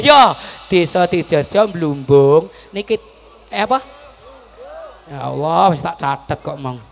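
A man with an East Javanese accent preaching a humorous sermon, joking, calling out to the audience and shouting at the high points. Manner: animated, jokey, shouts at climaxes, keeps calling to the audience. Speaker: Islamic preacher. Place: outdoor gathering at a village mosque yard.

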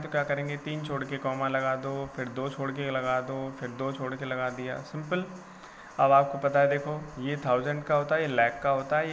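A man's voice: mid-range voice, fairly bright tone, a little hiss or hum. A man teaching a recorded math lesson to children, patiently repeating each step and reassuring them it is simple.

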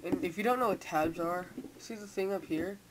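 Medium-pitched and at normal speed, a teenager's voice guides a casual, unscripted computer tutorial indoors. He stumbles, repeats himself, and sounds slightly hampered by a mouth sore caused by tightened braces. The home microphone adds hiss and noise.

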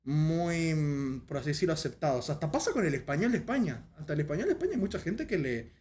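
A Paraguayan man with a Paraguayan Spanish accent hosts a casual chat, relaxed and joking, peppering his talk with rioplatense slang. He speaks quickly in a fairly high voice, with slight background noise.

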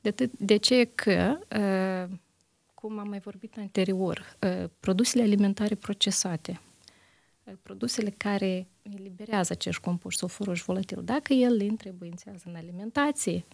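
A woman's voice: mid-range voice, vocal fry, a little mellow, no echo. A woman internist answering interview questions on a health show, methodical, listing examples with frequent hesitations.

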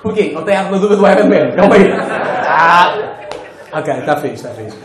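A male stand-up comedian with a European Portuguese accent, doing crude, animated crowd work on stage. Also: on the high side, normal speed. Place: comedy stage before a live audience. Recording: roomy live venue with laughing crowd.

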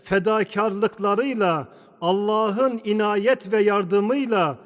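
Guy preaching a formal sermon, really slow and declamatory, big cathedral echo all over it. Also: sits high. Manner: measured, declamatory, with deliberate pauses between phrases. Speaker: preacher delivering a Friday sermon. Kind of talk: formal sermon, solemn oratory. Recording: long cathedral-like echo of a large hall.

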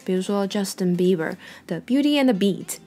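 A woman with a Taiwanese Mandarin accent explaining music vocabulary in a patient lesson, repeating English terms slowly. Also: medium pitch, animated, dark tone.

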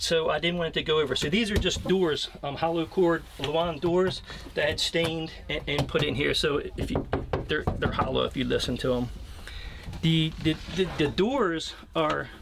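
An American in his fifties, speaking in a somewhat high, slightly bright voice, leads an offhand, unscripted tour of a small camper trailer. He's plain and hesitant, and clicks and noticeable noise mark the on-site recording.

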